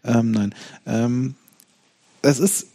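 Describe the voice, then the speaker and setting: A man co-hosting a casual podcast, talking hesitantly and thinking aloud, with lots of pauses and restarts. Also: medium pitch, mellow. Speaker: podcast co-host. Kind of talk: casual chat.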